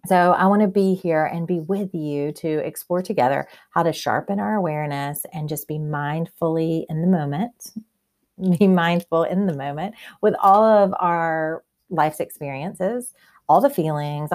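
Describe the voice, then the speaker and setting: A woman's voice: lowish voice, a little mellow. A woman hosting a podcast talks conversationally in an informal, earnest, reflective way. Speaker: podcast host.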